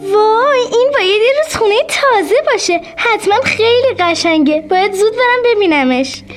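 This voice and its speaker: A woman's voice: extremely high pitch, faint music behind, voice pushed up. A woman voicing a curious, hasty young female deer in a storybook, speaking eagerly. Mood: excited. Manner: eager, breathless, excited.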